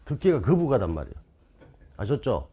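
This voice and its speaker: A man teaches an exam-prep class online, his husky voice swooping up and down as he fires rhetorical questions at his students. His tone is mellow and warm, and he drives each key term home by repeating it. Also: medium pitch, very animated, a little fast. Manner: insistent, repeats key terms emphatically. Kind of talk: online lecture.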